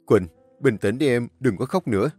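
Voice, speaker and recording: A man voicing a young father who speaks forcefully and angrily. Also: mid-range voice, normal speed, breathy edge, soft background music, close to an everyday voice. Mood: urgent reassuring. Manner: angry, forceful. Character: young father, furious and commanding.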